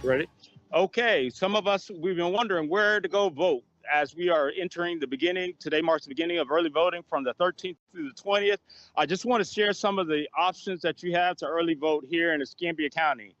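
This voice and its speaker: A man's voice: fairly high pitch, brisk, a bit bright. A man giving a methodical announcement and listing details one after another. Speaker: community speaker. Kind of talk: informational announcement. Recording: dry, dull lo-fi sound.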